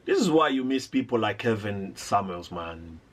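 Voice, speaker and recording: A man's voice: on the low side, big pitch swings, normal speed, a loud crowd. A man hosting a reaction video, giving indignant, rambling commentary with lots of restarts.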